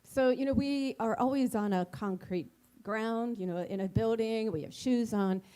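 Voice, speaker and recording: A woman co-leading a casual sermon, speaking gently and hesitantly with many fillers. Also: on the high side, moderate pace. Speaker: spiritual community co-minister.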